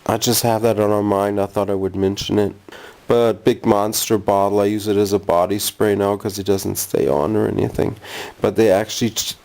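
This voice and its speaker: A man's voice: on the low side, gravelly, a little mellow. A jet-lagged man rambling casually through a haul vlog at home, easily sidetracked. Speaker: vlogger. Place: bedroom at home.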